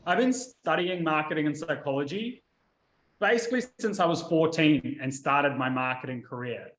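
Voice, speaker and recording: A man's voice: a little high, moderate pace. New man in a roomy echo. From New Zealand. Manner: lively storytelling, animated asides. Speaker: marketing coach and video host. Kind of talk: casual talk to camera.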